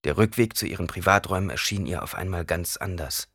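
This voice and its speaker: Man, audiobook narrator, scripted narration, husky, low pitch, dry close sound. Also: quick pace, dry recording. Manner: expressive storytelling.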